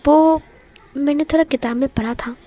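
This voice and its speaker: A man's voice: very high voice, fairly even intonation, normal speed. Woman doing a cocky, teasing young man. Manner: casual and teasing, firm when hushing. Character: teasing, self-assured young man, calm and bossy.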